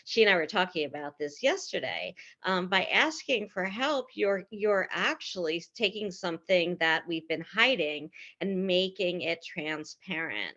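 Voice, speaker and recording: A lower-voiced woman from Philadelphia, reflective and thinking aloud with frequent um's as a webinar panelist. Her audio comes through a dull, lo-fi video call line. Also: a bit bright. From Philadelphia, United States. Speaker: panelist, researcher. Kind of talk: conversational webinar discussion.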